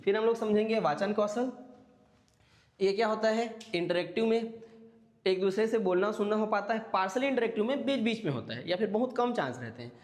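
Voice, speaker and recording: A man's voice: high-pitched, fairly quick, long reverb tail. A man teaching an exam-prep class, explaining step by step and checking in with his listeners. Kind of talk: classroom lecture.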